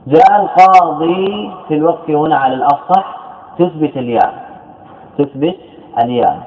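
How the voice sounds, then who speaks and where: Higher-voiced man lecturing, tinny echo. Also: normal speed. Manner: asks questions and answers them himself, repeats key phrases. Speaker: Islamic scholar teaching grammar. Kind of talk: classroom lecture. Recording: tinny, echoey lecture recording.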